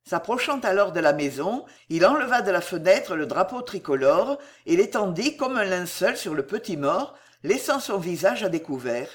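A narrator reading a war story aloud with an expressive, dramatic delivery. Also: medium pitch, normal speed, few pauses.

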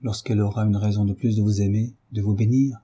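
A man reading a novel aloud and voicing a troubled young man, earnest and urgent, in a husky dark voice. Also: on the low side, fairly even intonation, fast. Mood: insistent.

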